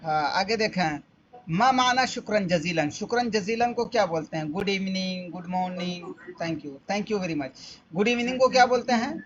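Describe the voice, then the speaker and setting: A man teaches Arabic, walking through exam questions step by step and repeating each one aloud. His voice sits high for a man, and the audio is dull and lo-fi with a faint hiss underneath. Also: lively intonation. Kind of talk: exam-paper walkthrough lesson.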